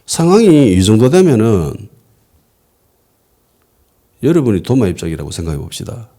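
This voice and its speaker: A man's voice: lowish voice, moderate pace. A man, a pastor preaching a conversational sermon and asking the congregation questions. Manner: lively, asks the congregation rhetorical questions. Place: church worship service.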